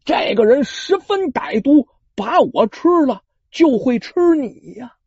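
Storyteller doing a centipede king spirit, low hushed sly voice, husky and kinda lo-fi. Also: lively intonation, normal speed, no room sound, full character voice. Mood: urgent. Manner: hushed, low whisper-like pleading. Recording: dull lo-fi recording.

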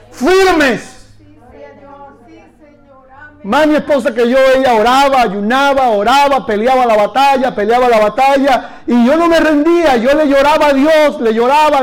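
High-voiced fervent male preacher. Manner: fervent, repetitive exhortations with call-and-response. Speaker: pastor. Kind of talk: sermon.

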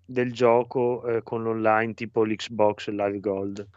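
A man's voice: on the low side, flat delivery, slow pace, a little mellow, clean tone, no echo, muffled recording. A man chatting casually about games, tentative and hedging his claims. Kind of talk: casual gaming chat.

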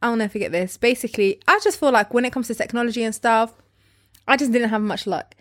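A woman's voice: fairly high pitch, quick pace, no echo, clean studio sound. A young woman, co-hosting a casual chat and telling stories animatedly, swearing often. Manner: animated storyteller, swears often, acts out quotes. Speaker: podcast co-host.

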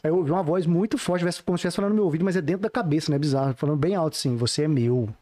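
A man's voice: fairly high pitch, very fast, dark tone. A man co-hosting a podcast, telling a personal story in casual chat and repeating phrases for emphasis. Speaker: podcast co-host. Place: podcast studio.

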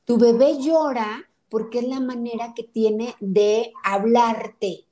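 A woman's voice: fairly high pitch, steady tone, slow, dark tone. A woman who advises on breastfeeding and parenting, explaining things directly and busting common myths in conversation. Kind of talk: informative conversation.

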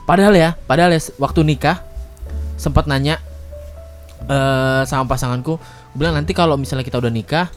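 A man's voice: a little high, brisk, long pauses, faint music behind. A man co-hosting a casual chat, telling stories with frequent laughter. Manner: laughs often, jokey storytelling. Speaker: podcast co-host.

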